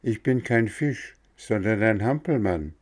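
A man's voice: on the low side, animated, a little slow, voice pushed up. A man voicing a frightened, wailing wooden puppet boy in a raised voice. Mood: fearful. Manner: wailing, fearful.

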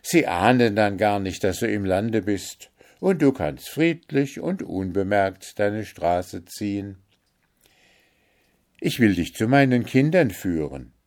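A man's voice: lowish voice, slow pace. A man reading as a kindly, reassuring father. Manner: warm, calm, reassuring.

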